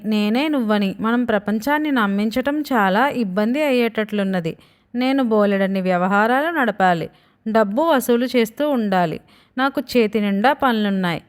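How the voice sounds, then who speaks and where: A woman voicing a stern fifty-year-old father stuck in a small boy's body, who scolds and frets in a slightly high voice. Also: normal speed, clear, resonant tone, lightly acted. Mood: fretful.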